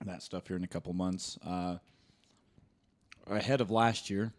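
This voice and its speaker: Very deep-voiced man, rambling podcast guest. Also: fairly even intonation, a little slow. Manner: rambling, hesitant with many fillers. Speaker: race director, podcast guest. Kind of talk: casual chat.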